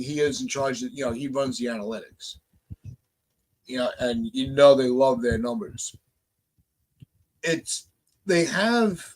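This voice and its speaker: A man's voice: fairly high pitch, rough recording. A man hosting a sports podcast, talking bluntly and emphatically in casual chat. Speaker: podcast host.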